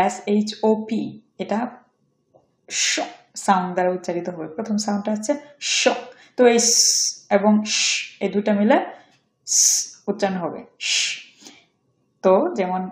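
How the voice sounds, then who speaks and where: A woman giving an online pronunciation lesson, explaining rules and repeating each example phrase slowly several times. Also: medium pitch, darkish tone, reverberant. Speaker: English pronunciation teacher.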